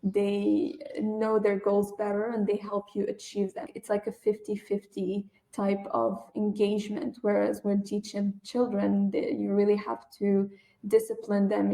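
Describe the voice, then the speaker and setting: A woman whose first language is Arabic is a guest in a conversational podcast interview, speaking earnestly and emphatically about teaching English and often saying "definitely." Her mid-range voice is gravelly and mellow, completely flat, at normal speed, on a low-quality recording.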